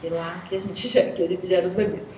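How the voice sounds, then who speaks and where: A woman's voice: fairly low pitch, fairly even intonation, quick pace, darkish tone, slight background noise. A young woman from Goiás, Brazil, giving an earnest personal testimony as an interview guest, full of "assim" and "sabe". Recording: echoey room.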